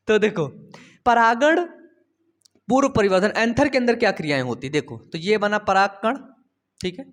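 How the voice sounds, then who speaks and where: A man's voice: high-pitched, a bit bright. A young man teaching a biology lesson in a chatty, coaxing way, repeating key terms and asking his students questions. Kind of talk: Hindi classroom-style lesson.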